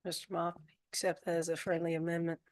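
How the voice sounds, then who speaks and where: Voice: mid-range voice, monotone, fast. A board chair running a formal public meeting, moving through procedure and laughing easily with the members.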